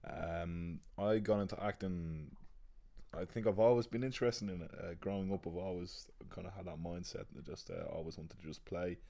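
Low, even-toned young Dublin man. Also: normal speed, gravelly. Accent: Dublin Irish. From Dublin, Ireland. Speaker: actor and drama student. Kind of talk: casual conversational self-introduction.

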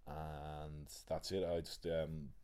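A man's voice: extremely low pitch, flat delivery, slow pace, warm tone, clear, resonant tone. A young man with a Dublin Irish accent, casually introducing himself in a hesitant, rambling way. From Dublin, Ireland. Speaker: actor and drama student. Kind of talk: casual conversational self-introduction.

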